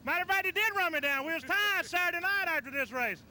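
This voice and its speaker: A man's voice: very high voice, lively intonation, quick pace, pushed and bright, a little hiss or hum. A man with a Southern US accent, a race driver out of breath, rambling folksy thanks after a win. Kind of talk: victory interview. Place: outdoor racetrack.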